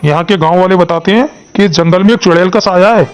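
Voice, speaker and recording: A man's voice: sits high, fast, natural voice. A man voicing a timid, fearful young village man in a cartoon, speaking in a nervous, pleading way. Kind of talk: cartoon voice acting.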